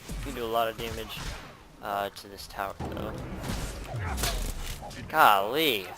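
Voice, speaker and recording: A man's voice: lowish voice, level tone, fairly quick, over music. A man giving casual, rambling commentary over his own gameplay, with many fillers.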